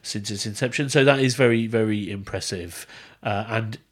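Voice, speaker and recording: A man's voice: lowish voice, moderate pace. A young man hosting a gaming podcast and running its quiz, bantering and chuckling with his co-hosts. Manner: bantering, chuckles between lines. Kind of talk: casual chat.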